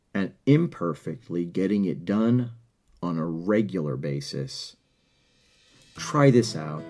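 This is a middle-aged podcast host from the United States giving a sincere motivational monologue, frequently repeating words while he works out what to say. He has a low-pitched, warm voice.

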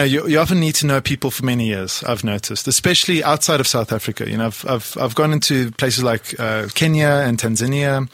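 A man's voice: medium pitch, a bit bright, no echo. Guy from poland chatting in an interview, rambly, keeps restarting, dry close sound. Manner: rambling, many restarts and fillers. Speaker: guest entrepreneur. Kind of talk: casual interview chat. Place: South Africa.

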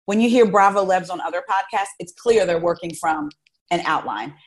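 Female podcast host; low-pitched, effusive, casual. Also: fairly quick. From South Jersey, USA. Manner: chatty, effusive, restarts sentences. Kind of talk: casual interview chat.

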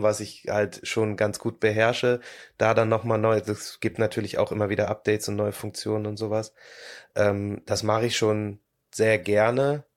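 Male podcast guest, lower voice, hesitant and reflective delivery. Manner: hesitant, many filler sounds, thoughtful. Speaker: guest, 3D illustrator. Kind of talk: casual podcast conversation.

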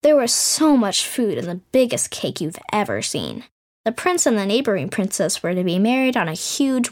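Playful woman narrating a fairy tale. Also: fairly high pitch. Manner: playful, sarcastic asides. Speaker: storyteller.

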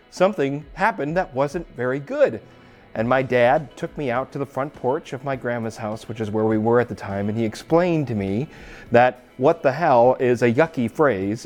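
A man preaching a sermon as a pastor, telling a personal story in an animated, conversational way. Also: on the high side.

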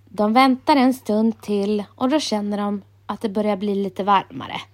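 Female narrator, gentle and calm, children's story reading, mid pitch.

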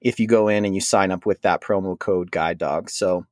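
A man's voice: low-pitched, fairly even intonation, moderate pace, darkish tone, dry recording, clean studio sound. A man from Minnesota hosting a fantasy football podcast, chatting casually and rambling. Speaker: podcast host. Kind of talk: casual sports podcast chat.

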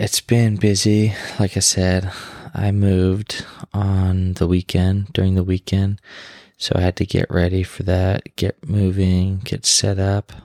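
A man with a very low voice and a gravelly fry at the edges talks as a podcast host. He sounds tired and rambles informally, unscripted, in a close, dry recording. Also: dark tone, no room sound. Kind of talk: casual solo podcast chat. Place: bedroom in a new home, on his bed.

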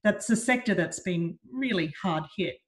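A woman's voice: lowish voice, animated, normal speed. A woman hosting an interview with enthusiastic, upbeat introductions. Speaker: podcast host. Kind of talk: hosted interview. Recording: music bed under the voice.

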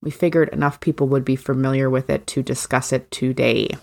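Woman with a low voice chatting on a music podcast, frank, laughs a lot. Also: little pitch movement, brisk, vocal fry. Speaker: podcast co-host. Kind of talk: casual chat.

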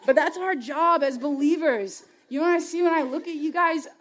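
A woman's voice: sits high, brisk, a bit bright, slight background noise. Passionate young woman giving a chatty sermon. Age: young adult. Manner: passionate, chatty, heavy use of "like" and "y'all". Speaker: speaker at a youth faith gathering. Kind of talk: conversational sermon.

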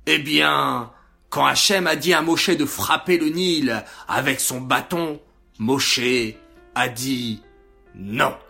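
A man telling a story to children in a gentle, clearly enunciated, slow reading voice. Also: medium pitch, faint music behind.

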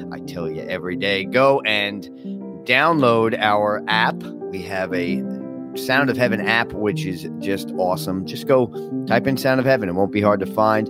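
A man pastor teaching a daily Bible study podcast in a casual, conversational way with many fillers, his voice groggy. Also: lowish voice.

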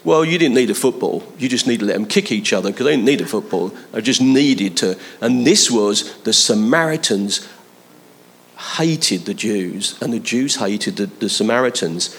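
Male preacher, animated swooping pitch, chatty sermon, emphatic appeals. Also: moderate pace. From London, England. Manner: conversational, with emphatic rising appeals to the listener.

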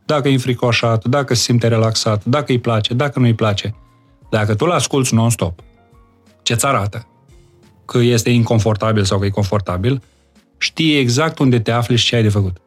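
A man, a guest in a conversational interview, explaining his views calmly and earnestly with everyday examples. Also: medium pitch, faint music behind. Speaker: interview guest, disciple of spiritual masters.

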